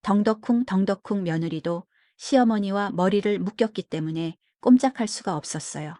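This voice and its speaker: Mellow-voiced woman telling bedtime folktales. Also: lowish voice, dry recording, studio quality. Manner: gentle, soothing, unhurried telling. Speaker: storyteller.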